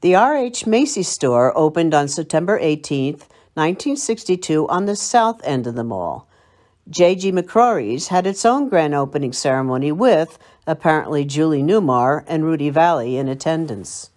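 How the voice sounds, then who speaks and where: In a deep, expressive, slightly mellow voice at normal speed, an older American woman from Long Island, United States, tells a scripted local history story. She presents local history for a library, and her manner is reminiscent and story-driven.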